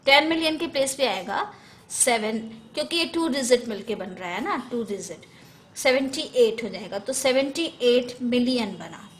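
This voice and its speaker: A woman's voice: on the high side, animated, moderate pace, a little hiss or hum. A woman teaching a math lesson in Hindi, going step by step through place values, often correcting herself and mixing in English number words.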